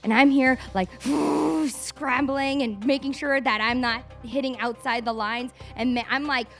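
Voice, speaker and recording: Woman in her thirties, casual storytelling, slightly high voice, profane, animated shrieks, faint music behind. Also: moderate pace. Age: 30s. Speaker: vlogger.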